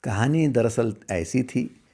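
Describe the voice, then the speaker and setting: A middle-aged man giving a spiritual discourse as a teacher, asking rhetorical questions and swinging between loud emphasis and hushed asides. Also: medium pitch, slow, gravelly.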